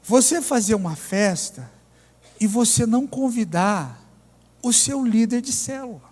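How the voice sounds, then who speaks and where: A pastor with a Mineiro accent, telling a story in a sermon with ironic humor. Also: male voice, very high-pitched, expressive, measured pace, a little mellow. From Minas Gerais, Brazil. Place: church. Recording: reverberant church hall.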